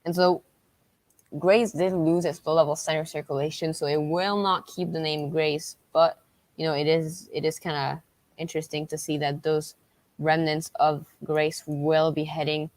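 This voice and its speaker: A woman hosting a livestream as a weather tracker, talking through storm updates unscripted in a halting, repetitive way. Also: sits low, fairly even intonation, a little mellow, dry recording.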